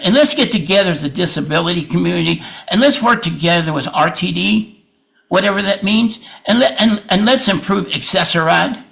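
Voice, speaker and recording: High-voiced creaky man making public comment. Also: bright, forceful tone, rough recording. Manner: emphatic, plain-spoken, repeats himself. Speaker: public commenter at a board meeting.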